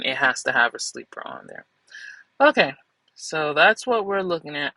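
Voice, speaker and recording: A woman's voice: low voice, sharp tone, no echo, low-quality recording. A woman hosting a trucking channel, chatting casually to viewers in a loose, rambling way and correcting herself as she goes. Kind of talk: casual vlog chat to viewers.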